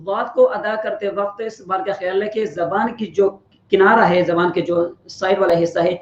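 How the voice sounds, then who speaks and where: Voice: mid-range voice, steady tone. A tajweed teacher giving a Quran pronunciation lesson, patiently explaining and stretching out each letter sound to demonstrate it. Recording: roomy, slightly dull lo-fi recording.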